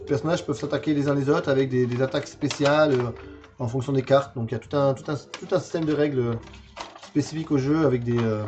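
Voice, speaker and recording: This forties-aged streamer displays games from his collection while chatting casually, stumbling over fillers and repeated words. His voice is mid-range with a darkish tone, and the recording cuts off the highs.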